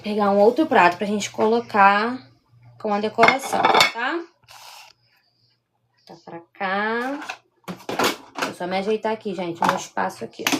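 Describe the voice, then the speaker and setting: A woman's voice: medium pitch, measured pace, long pauses, heavy background noise. A woman with a Carioca accent from Rio de Janeiro, leading a live-streamed baking demonstration and chatting with viewers as she works. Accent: Carioca Portuguese. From Rio de Janeiro, Brazil. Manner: chatty, keeps checking in with viewers. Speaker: baking instructor.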